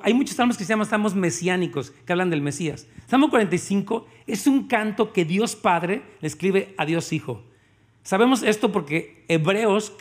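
A man with a Mexican Spanish accent preaching a sermon in a lively, conversational way, addressing the congregation directly. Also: sits high.

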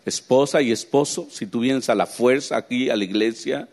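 A man delivering a sermon at a middle pitch. He talks with lively swings, dropping into quiet low asides and then rising high with excited emphasis. He keeps checking in with his listeners through rhetorical questions. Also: moderate pace. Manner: asks the congregation rhetorical questions. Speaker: preacher.

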